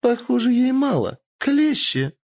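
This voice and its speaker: A man voicing a cruel, sadistic lord in an audiobook, speaking shrill and excited. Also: a little slow, full character voice. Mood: cruel, commanding.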